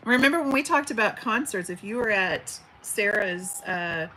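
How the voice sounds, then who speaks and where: A woman in her forties hosts a casual livestream from home beside an open window, with birds audible outside. She reads viewer comments in a chatty, affectionate way, using a big teacher voice with lots of fillers and restarts. Her mid-range voice has lively intonation, a moderate pace and a sharp tone, and the poor audio carries slight background noise.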